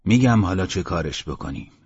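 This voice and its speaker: A man's voice: deep voice, animated, darkish tone, breathy edge, full character voice. A man voicing an irritable, exasperated male villager, on a dull lo-fi audiobook recording.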